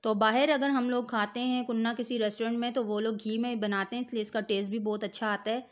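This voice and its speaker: A woman's voice: a little high, steady tone, quick pace. A middle-aged woman, host of a cooking channel, giving step-by-step recipe narration in a patient, instructive way and speaking straight to the viewer. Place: home kitchen.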